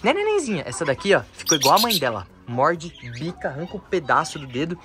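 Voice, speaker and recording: A man's voice: on the high side, animated, a little fast. A man hosting a casual vlog as he tours his bird enclosures outdoors, chatting to viewers and cooing at the birds in baby talk. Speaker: bird keeper and vlog host.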